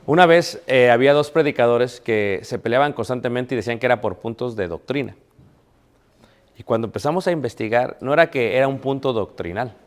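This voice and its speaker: A man delivers a sermon as a preacher, mid-pitched for a man. He keeps it conversational, acting out quoted dialogue in his stories and asking the congregation rhetorical questions. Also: a little fast.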